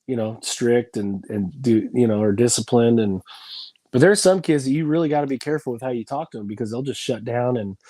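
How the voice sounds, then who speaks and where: A man's voice: medium pitch, lively intonation, a little fast, warm tone, no echo. A man in his forties, a football coach, talking in a rambling, frank, folksy way in a casual reunion chat.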